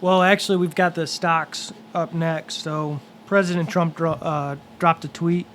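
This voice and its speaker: A man's voice: fairly high pitch, little pitch movement, measured pace, a bit bright, slight background noise. A man co-hosting a casual podcast, steering to the next topic and reporting the news. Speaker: podcast co-host. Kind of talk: casual talk-show chat.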